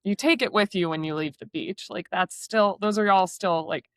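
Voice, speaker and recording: Young woman photographer chatting away in an interview, lots of "like", mid-pitched voice, dry close recording. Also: moderate pace, clear, resonant tone, dry recording. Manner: chatty, many fillers like "like". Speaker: surf and water photographer, guest. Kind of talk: casual interview chat.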